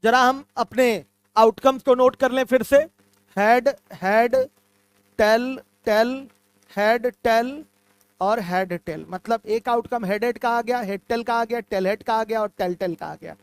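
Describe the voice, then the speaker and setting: A man's voice: extremely high pitch, unhurried, clear, resonant tone, no echo. A male math teacher giving an online class, patiently repeating key terms and calling his students "my children".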